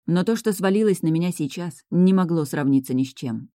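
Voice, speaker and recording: Low-voiced woman narrating an audiobook. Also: lively intonation, a little fast, dark tone, no room sound, studio quality. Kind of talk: first-person audiobook narration.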